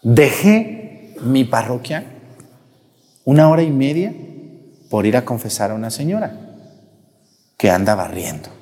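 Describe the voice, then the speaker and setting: A man's voice: medium pitch, very animated, unhurried, long pauses, a little mellow. A man, a parish priest giving a chatty, teasing sermon, acting out his parishioners' voices. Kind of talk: sermon with storytelling. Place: church. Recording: long church reverb.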